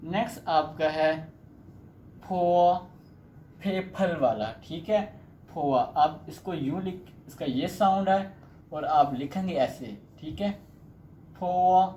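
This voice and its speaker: A man teaching a language lesson in a patient, repetitive way. His voice is mellow and soft-edged. The recording is echoey, with a faint hum of noise underneath. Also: on the high side, expressive, a little slow, highs cut off. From Pakistan. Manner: patient, repeats "theek hai" often. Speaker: Chinese teacher.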